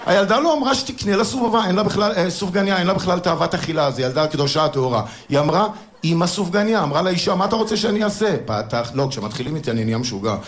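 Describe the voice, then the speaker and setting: Male comic, middle-aged, lively storyteller, pitched a bit high. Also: hardly any pauses. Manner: animated, acts out other people's voices in quotes. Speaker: stand-up comedian. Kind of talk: stand-up storytelling to an audience. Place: stage before a live audience.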